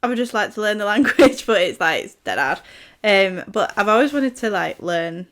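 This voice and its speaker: A woman's voice: medium pitch, lively intonation, normal speed, fairly bright tone. A young adult woman co-hosting a podcast, chatting in an easygoing, supportive way. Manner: easygoing, supportive, reacts with short encouraging remarks. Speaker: podcast co-host. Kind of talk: casual chat.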